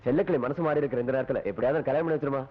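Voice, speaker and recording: A man playing a fast-talking, anxious village son. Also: medium pitch, lightly acted. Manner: anxious, pleading. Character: anxious young village man, timid and lovesick. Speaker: young son in love. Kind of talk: Tamil film drama dialogue. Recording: tinny phone-like film audio.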